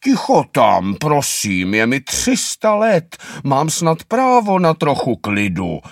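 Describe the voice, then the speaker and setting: A man voicing a cranky, three-hundred-year-old female turtle who shouts and scolds in a storybook reading. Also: on the high side, huge pitch swings, pitched above the performer's own voice. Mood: grumpy. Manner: scolding, loud.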